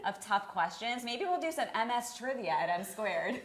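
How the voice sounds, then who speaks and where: A woman hosting a live web show, promoting an event and reading social media news in a brisk, promotional way. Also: a little high, animated, reverberant, a little hiss or hum. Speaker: host.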